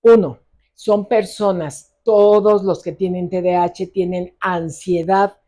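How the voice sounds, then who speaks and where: A woman's voice: lowish voice, fairly even intonation, slow pace, mellow. A middle-aged woman psychologist with a Mexican accent, telling a case story in a conversational interview and acting out the dialogue. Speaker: psychologist specializing in ADHD.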